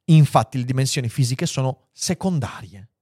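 A man hosting his channel, talking through a classic book in a casual, lively lecture and reading passages aloud with expressive shifts of pace and volume. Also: medium pitch, moderate pace, husky, no echo, clean studio sound. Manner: animated, expressive, shifting pace and loudness freely. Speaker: host of a philosophy and literature channel.

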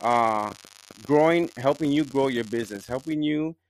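A man's voice: mid-range voice, normal speed, slight background noise. Rambling male podcast host. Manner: rambling, repeats himself. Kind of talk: casual interview.

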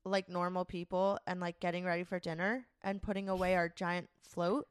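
A woman's voice: lowish voice, fairly even intonation, moderate pace, clear, resonant tone, no room sound, studio quality. A young adult woman co-hosting a podcast, chatting casually, swearing and laughing often. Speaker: podcast co-host. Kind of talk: casual chat.

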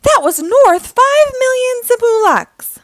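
A woman playing a fearsome, boastful male alien insect warlord in a children's story, shouting bombastically in outrage. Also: very high voice, very animated, slow, no echo, pitched above the performer's own voice, full character voice. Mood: outraged.

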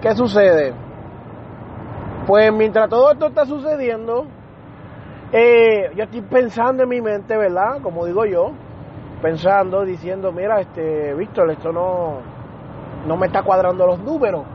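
Man, fairly high voice, casual podcast storytelling, muffled sound, faint traffic noise. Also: measured pace, long pauses. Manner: animated retelling that acts out other people's lines. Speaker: podcast host.

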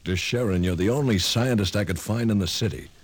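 A man's voice: on the low side, fast, no echo, natural voice. An actor playing a skeptical young man in a radio drama, who keeps firing off incredulous questions. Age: young adult. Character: young male reporter, skeptical, growing frightened. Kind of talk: 1950s radio drama acting.

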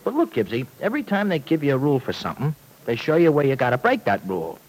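Uneducated, loyal young city fellow; slangy, lively radio serial delivery. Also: male voice, mid-range voice, fast talker, poor audio. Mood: indignant. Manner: slangy, plainspoken, ungrammatical. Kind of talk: old radio soap acting.

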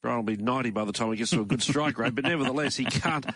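Morning show host: Australian man, lower-pitched voice, conversational and measured, close dry studio sound. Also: fairly bright tone, no room sound. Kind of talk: morning radio racing talk show hosting. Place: radio studio.

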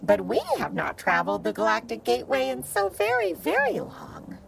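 A woman voicing a tiny, fussy silver dawn dragon in a high, prim, piping voice for a storybook reading. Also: big pitch swings, normal speed, creaky, a little hiss or hum, full character voice, rough recording. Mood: fretful.

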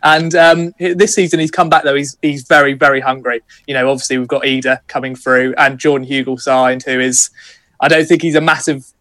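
A man's voice: medium pitch, level tone, brisk, a bit bright, no echo. A man giving his views as a football fan in a casual sports chat.

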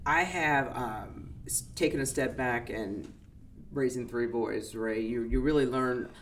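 A woman's voice: extremely low pitch, measured pace, slight background noise. A middle-aged woman guest in a casual conversation, speaking earnestly and reflectively about personal growth.

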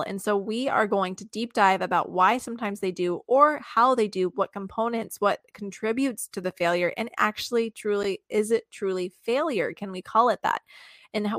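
A woman co-hosts a podcast in casual, upbeat chat and drops playful asides as she goes. Her voice sits at an ordinary pitch. The sound is dry and close, with no room around it. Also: gravelly, a bit bright, no echo. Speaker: podcast co-host.

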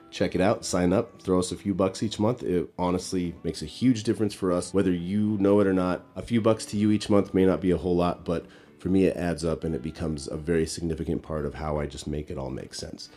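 A podcast host with a very low, congested voice, still recovering from an illness, does a casual intro and sponsor read. His delivery is relaxed and conversational, with loose fillers.

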